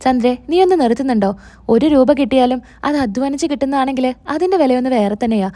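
Woman voicing brusque defensive young husband, mellow. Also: sits high, fast, natural voice. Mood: firm. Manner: protesting, brusque.

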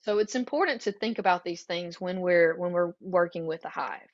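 A woman's voice: on the low side, moderate pace, highs cut off. A woman with a Southern US accent giving a conversational webinar presentation, earnest and loose, with frequent ums and restarts. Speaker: beekeeping workshop presenter.

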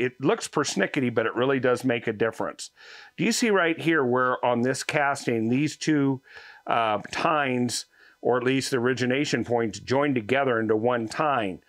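A man's voice: mid-range voice, a bit bright, dry recording. A man in his sixties, a channel host, giving a folksy, hands-on product review in a workshop and out in a farm yard. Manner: folksy, explanatory, hands-on demonstrating. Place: garage workshop, then outdoors on a farm yard.

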